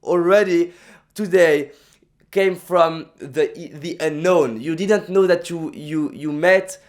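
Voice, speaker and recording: This young Frenchman, a native speaker with a French accent, delivers a motivational vlog talk with emphasis, often repeating himself and restarting. His voice is on the high side, and he takes it slowly.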